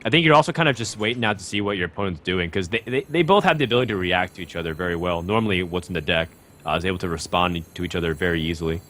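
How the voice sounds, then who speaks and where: A man's voice: low-pitched, racing, hardly any pauses, fairly bright tone, a little hiss or hum. A man giving live card game commentary, thoughtful and analytical, with frequent ums and likes. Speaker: esports commentator.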